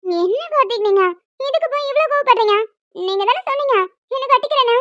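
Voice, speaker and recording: A woman's voice: extremely high pitch, lively intonation, quick pace, fairly bright tone, no echo. A woman voicing a bold, teasing young woman student in love, in an audio drama. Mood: pleading. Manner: playful and teasing. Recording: dry, dull lo-fi mic.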